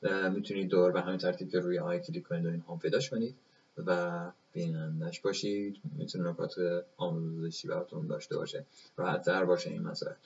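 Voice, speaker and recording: Deep-voiced man explaining slowly. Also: fairly even intonation, creaky, dull audio. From Iran. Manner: explains slowly, repeating examples with many fillers. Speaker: English teacher. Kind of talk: live Q&A lesson.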